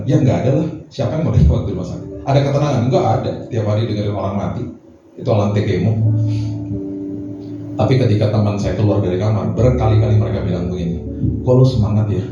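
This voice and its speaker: A middle-aged man, a pastor, preaching a lively sermon full of slangy asides and rhetorical questions. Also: lowish voice. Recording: echoey hall from a distant mic, dull sound, music behind.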